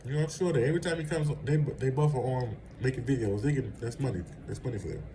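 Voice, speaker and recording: A man's voice: medium pitch, quick pace, noisy background. A man vlogging casual celebrity gossip commentary, rambling and conversational and laughing at his own asides.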